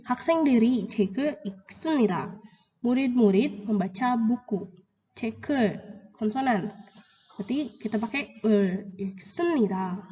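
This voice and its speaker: Lady teacher going over korean grammar, repeats words slow, lo-fi muffled sound. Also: a little mellow. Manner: slow, drawn-out repetition of example words, rising pitch on questions. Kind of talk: grammar lesson explaining example sentences. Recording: dull, roomy lo-fi recording with long reverb.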